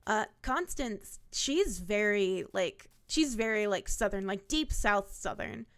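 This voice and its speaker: A woman's voice: medium pitch, lively intonation, takes it slowly, clear, resonant tone. A woman in her twenties from Ohio, chatting casually on a stream with many fillers. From Ohio, USA. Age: 20s. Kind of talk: casual chat.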